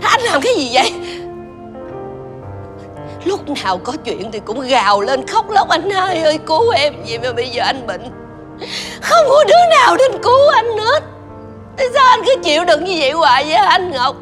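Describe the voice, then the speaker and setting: Wife, crying mad, voice swoops way up. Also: female voice, high-pitched, big pitch swings, a little fast, music in the background. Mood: pleading. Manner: tearful, accusing outbursts. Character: grieving, furious young wife defending her husband. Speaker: wife of a sick man. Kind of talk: TV drama acting.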